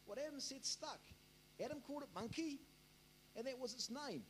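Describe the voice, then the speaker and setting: An Australian man with a very high-pitched, expressive voice preaches a sermon as pastor, rambling at a moderate pace, repeating words and calling on the congregation for amens. His tone is a bit bright, with a little hiss or hum in the recording.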